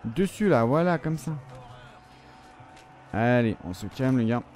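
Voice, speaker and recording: A man talks over his own gameplay in a loose, unscripted commentary. He swears freely and rants at the game in frustrated bursts, then reins himself in and talks himself calm again. It sounds like an ordinary man reacting live as he plays. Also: medium pitch, a little slow. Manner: profane, frustrated ranting that swings between outbursts and calming himself. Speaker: gamer recording his gameplay.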